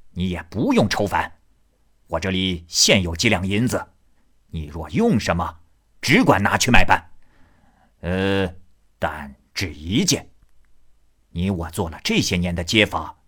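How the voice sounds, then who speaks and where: A boastful drunken street tough barks and swaggers, as a man reads him. His low voice swings widely, loud and gruff. It suits a storytelling reading. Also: exaggerated voice. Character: drunken brawling male street moneylender, boastful.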